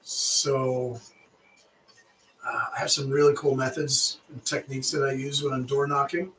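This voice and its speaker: A man's voice: mid-range voice, flat delivery, unhurried, fairly bright tone, distant mic, a little hiss or hum. A man, a real estate agent chatting casually and making live calls, restarting his phrases and laughing easily. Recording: echoey room, voice off-mic.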